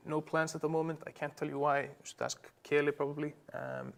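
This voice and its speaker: Gravelly-voiced young man from Iceland, casual host, fillers and restarts, slightly high pitch. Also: fairly bright tone. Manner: rambling, frequent fillers and restarts. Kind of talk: casual live-stream Q&A chat.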